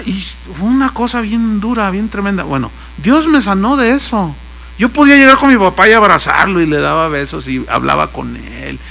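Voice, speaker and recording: An older man preaches a sermon in a high, bright voice. He tells stories and acts out the lines of the people in them. A faint mains hum sits under the recording. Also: vocal fry. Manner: storytelling, acts out quoted lines. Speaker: pastor.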